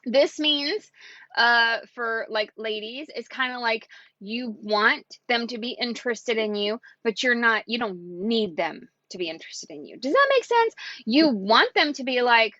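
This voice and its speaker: A woman giving casual sales coaching in an excitable, chatty way. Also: a little high, a little slow, dry recording, dull audio. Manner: excitable and chatty, acts out quotes. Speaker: network marketing coach.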